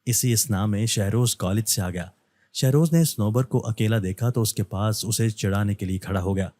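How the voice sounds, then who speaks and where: A man narrating a scripted story in a low, mellow voice. His reading is steady and measured, and the recording is dry and close. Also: no echo.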